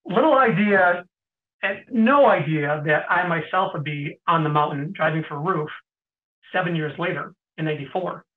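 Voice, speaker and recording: A middle-aged man, an interview guest, tells stories in a casual way, often clearing his throat and pausing with fillers. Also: a little high. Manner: anecdotal, frequent throat clearing and hesitant fillers. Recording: tinny phone-like sound.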